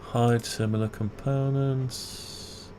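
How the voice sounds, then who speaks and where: A video creator demonstrating CAD design speaks in a mid-range voice at a slow pace. Unscripted, he mutters under his breath and questions himself as he thinks aloud about the design work. Steady background noise and keyboard typing are present.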